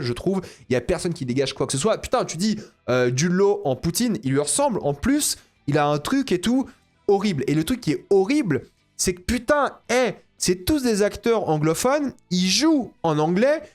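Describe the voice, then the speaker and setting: A man's voice: high voice, very animated, moderate pace, faint music behind. A young man giving a casual spoken film review, exasperated and ranting, repeating himself. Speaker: film critic.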